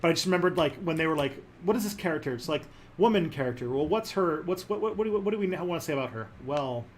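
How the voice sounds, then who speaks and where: Animated, rambling man hosting a chat. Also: on the high side, quick pace, a little hiss or hum. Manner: animated, jokey, rambling with many fillers. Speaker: host. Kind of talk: casual livestream chat.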